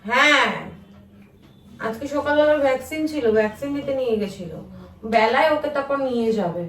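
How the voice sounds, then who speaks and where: Chatty high-voiced woman vlogging at home. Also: fairly quick. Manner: chatty, complaining about chores and lack of sleep. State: tired. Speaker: family vlogger. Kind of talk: casual home vlog chat. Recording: echoey room, distant from mic, noisy.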